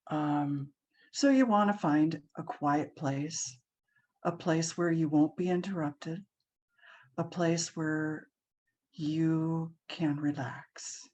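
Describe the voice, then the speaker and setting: Woman meditation guide, low pitch, unhurried calm delivery. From Hawaii. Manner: slow, soft and soothing, with frequent ums. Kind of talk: guided relaxation class.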